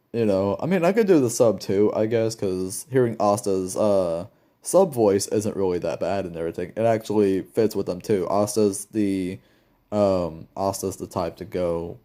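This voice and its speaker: A man's voice: on the low side, dark tone. A young man giving casual solo commentary, rambling with many fillers and restarts. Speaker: YouTuber.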